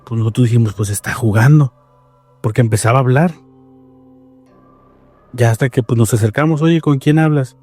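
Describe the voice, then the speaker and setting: A man with a Mexican accent telling paranormal stories in a casual podcast chat, animated and rambling with many restarts. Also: medium pitch, moderate pace, pauses often, slightly rough, soft background music.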